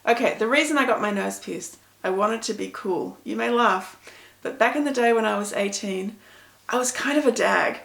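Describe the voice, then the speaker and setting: A woman's voice: fairly high pitch, moderate pace, vocal fry, fairly bright tone, reverberant. A middle-aged woman, chatting to camera as an author answering reader questions in a self-deprecating, storytelling way. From Pakistan. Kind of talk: casual talk to camera.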